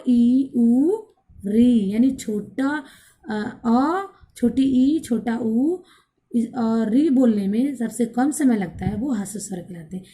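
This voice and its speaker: A woman teacher gives a grammar lesson for an online class video, posing questions to the class, answering them herself, and repeating each point. Her voice is fairly high and mellow.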